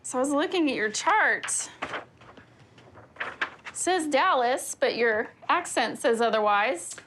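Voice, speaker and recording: A woman's voice: high voice, expressive, slow, slight background noise. A woman in her forties, a prosthetics specialist, speaking directly and with easy jokes while narrating and consulting a patient. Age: 40s. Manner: friendly, direct, joking. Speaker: anaplastologist. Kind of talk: reality show narration and consultation.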